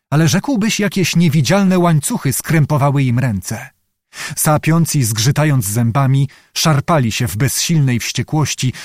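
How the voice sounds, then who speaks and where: A man narrating an audiobook of a historical novel in a measured, even manner. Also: a little high, dry recording, clean studio sound.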